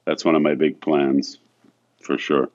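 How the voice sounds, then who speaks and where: This French photographer speaks in a rumbling low voice with a level, unhurried tone, and the audio sounds dull. As an interview guest he talks casually and softly, hesitating often, restarting sentences and saying "you know" a lot.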